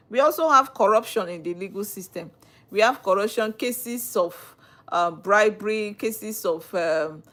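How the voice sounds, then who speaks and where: A woman's voice: mid-range voice, a bit bright. A woman with a Nigerian accent, a lawyer talking on a live stream, who explains with earnest repetition. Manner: earnest, repeats phrases while explaining. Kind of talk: live-stream talk answering viewers.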